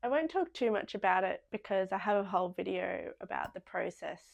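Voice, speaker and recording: A young woman talks her way through a relaxed podcast chat. Her voice has a gravelly, fry-laden edge, and she wanders along with frequent ums and self-corrections. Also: medium pitch, brisk. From Australia. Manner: chatty, rambling, many ums. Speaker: podcast host. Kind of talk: casual chat.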